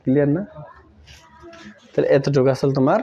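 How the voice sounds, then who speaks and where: The recording is dull and lo-fi, capturing a man of medium pitch who speaks a little fast. His English grammar lesson involves repeating key terms and confirming that students are keeping pace.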